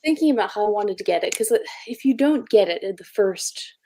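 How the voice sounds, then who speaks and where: Young woman, casual stream chat, animated storytelling, laughs often. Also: mid-range voice, fairly quick. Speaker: co-host of a productivity stream.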